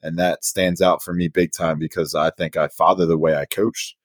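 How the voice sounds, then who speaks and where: Deep-voiced man hosting a casual podcast. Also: normal speed, no room sound, clean studio sound. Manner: relaxed storytelling, fillers, laughs. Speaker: podcast host. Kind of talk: casual conversational interview.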